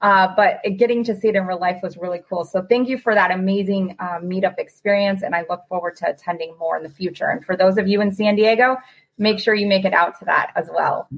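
A woman's voice: mid-range voice, fairly even intonation, brisk, low-quality recording. Upbeat woman podcast host. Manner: enthusiastic, talkative. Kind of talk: casual interview.

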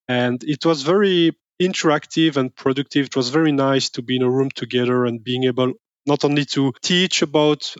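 A man speaking as an academic interview guest, explaining his work in a friendly, measured way. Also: medium pitch, no room sound, muffled recording.

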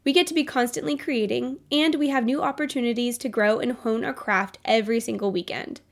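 A woman's voice: fairly high pitch, fairly quick, vocal fry. A young adult woman hosting a solo business podcast, upbeat and motivational, her voice nasal from a cold. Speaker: podcast host.

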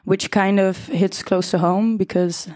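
A woman's voice: medium pitch, fairly even intonation, unhurried, a little mellow, no echo, studio quality. A twenty-year-old woman, talking informally as a podcast guest. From The Hague, Netherlands. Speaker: student panel guest.

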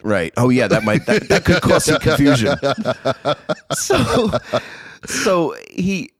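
A man hosting a podcast, telling a story in an animated, profane, chatty way. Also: mid-range voice, slow, no room sound, studio quality. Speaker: podcast host. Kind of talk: casual podcast chat.

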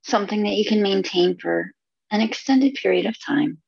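A woman guides a meditation in a soft, husky voice with a creaky edge. She is soothing and unhurried, leaving space between short phrases. The recording is close and dry, with a slightly dull sound. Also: mid-range voice, dry recording. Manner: soothing, unhurried delivery with pauses.

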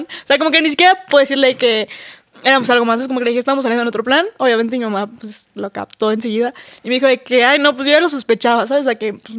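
A woman, a podcast guest talking openly and emotionally in casual chat. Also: sits high. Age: 20s. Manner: emotional, confiding, fast-talking.

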